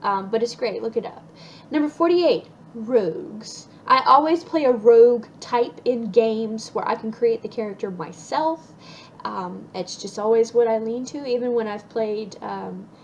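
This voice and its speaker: A woman's voice: on the high side, slight background noise, poor audio. A young woman chatting casually through a list of her favorite things, upbeat with lots of ums and restarts. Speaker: vlogger.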